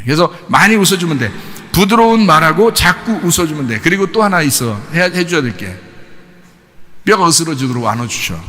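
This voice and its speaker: A man preaching a sermon as pastor, animated and folksy, acting out family quarrels and dropping into casual speech. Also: medium pitch, long reverb tail. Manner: folksy, shifts between polite and casual speech. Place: church sanctuary.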